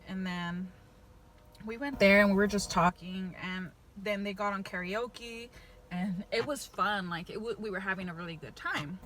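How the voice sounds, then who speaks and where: Young woman, bright voice, casual storytime, chewing while talking, slangy and chatty, faint background noise. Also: mid-range voice, fairly even intonation, normal speed. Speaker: vlogger.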